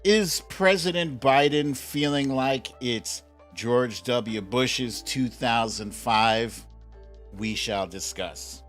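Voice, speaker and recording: A middle-aged American man with a mid-range voice hosts a casual livestream, chatting informally and playfully with viewers and stretching out his shout-outs to them. Soft music plays in the background.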